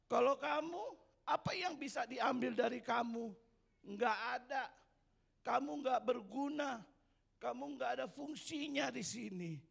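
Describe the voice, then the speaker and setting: A man's voice: very high voice, a little slow, creaky, a bit bright, husky, pitched above the performer's own voice, heavily acted. A man voicing a smug farm cow who brags and belittles a newcomer, in a sermon story. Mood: boastful. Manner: boastful, belittling.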